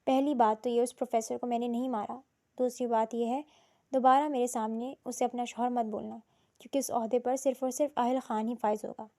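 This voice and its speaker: A woman narrator voicing a domineering young man who speaks softly, mocks and threatens. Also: on the high side, lightly acted. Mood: menacing. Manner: calm, mocking, then roaring.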